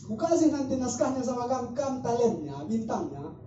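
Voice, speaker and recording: A man talking at a casual group discussion, walking through his ideas with spoken examples. His voice sounds dark and mellow. He is picked up from across an echoey room on a dull, muffled recording. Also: very high-pitched, very animated, moderate pace, distant mic, a little hiss or hum. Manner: explanatory, illustrates points with spoken examples. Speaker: discussion speaker.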